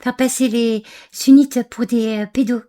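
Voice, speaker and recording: An Algerian woman reacts to a video with angry, scornful commentary, hurling insults while hesitating often and filling pauses with fillers. Her voice is fairly high and warm, with a steady tone and a slightly slow pace.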